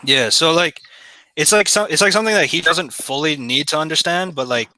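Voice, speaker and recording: Man, Indian accent, bright ringing tone, rambling casual chat full of fillers. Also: a little high, a little fast, poor audio. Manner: rambling, many fillers and restarts. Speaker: reviewer.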